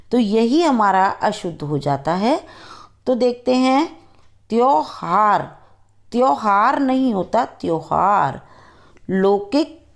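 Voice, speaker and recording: A woman's voice: mid-range voice, a little mellow. A woman teacher giving a grammar lesson to children, saying each word carefully and then repeating it. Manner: slow, deliberate, repeating each word twice.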